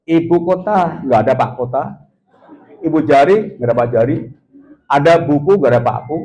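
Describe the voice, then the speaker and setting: A man's voice: on the high side, expressive, normal speed, a little mellow, poor audio. A middle-aged man giving a parenting seminar as a professor, joking with the audience, laughing and asking them questions. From Indonesia. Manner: playful, teasing, often laughing with the audience. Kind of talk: lively seminar talk with jokes and audience questions.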